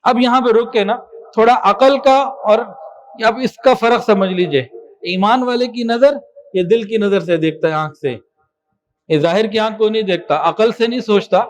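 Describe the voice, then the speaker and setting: A man preaching a sermon with passion, moving between soft explanation and loud emphasis. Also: sits high, a little hiss or hum. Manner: impassioned, swings from soft to loud with chanted Quran recitation.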